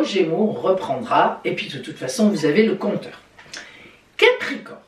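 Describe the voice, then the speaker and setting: A woman astrologer giving a weekly horoscope in a lively, chatty way, with playful exclamations. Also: mid-range voice. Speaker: astrologer and psychic. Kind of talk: weekly horoscope video talk. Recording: echoey room, voice a bit distant from the mic.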